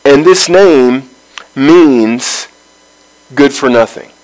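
A man leading a Bible study, reading scripture aloud and then explaining it verse by verse in a measured way, with pauses between phrases. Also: mid-range voice, darkish tone, low-quality recording.

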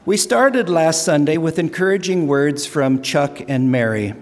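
An older man giving a lighthearted stewardship pitch from the front of a church. His voice is fairly high for a man, and he tells folksy jokes with self-deprecating asides while the sanctuary adds a long reverb to every word. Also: a little slow, slight background noise. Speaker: lay speaker for stewardship drive. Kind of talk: humorous church announcement with jokes.

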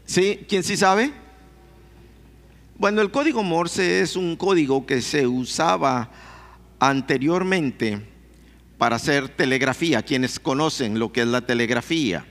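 A man's voice: on the high side, slow, long pauses, fairly bright tone. A man preaching to a congregation, telling a story and asking them questions. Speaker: pastor. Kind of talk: sermon. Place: church hall. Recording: long hall reverb.

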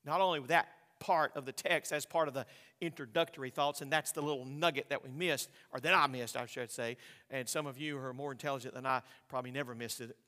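A man's voice: mid-range voice, steady tone, fast, pushed and bright, big-room sound. A male pastor preaching a sermon, emphatic, repeating his words and asking his congregation rhetorical questions.

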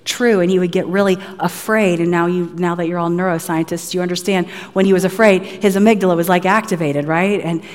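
A middle-aged woman preaching a sermon in a lively, conversational way, full of casual asides to the congregation. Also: on the low side, brisk, hardly any pauses. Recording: long hall reverb.

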